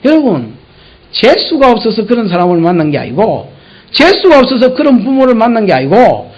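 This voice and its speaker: Male pastor, Gyeongsang accent, very high voice, sermon, acts out quarrels. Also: moderate pace, muffled recording. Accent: Gyeongsang Korean. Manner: animated, swings from soft to shouting. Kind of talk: expository sermon.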